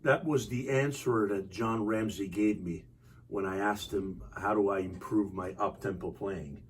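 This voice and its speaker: A man hosting a podcast interview, asking open questions in a relaxed, chatty way. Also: lowish voice, unhurried. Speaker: podcast host. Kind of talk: conversational interview. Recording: distant mic with faint background noise.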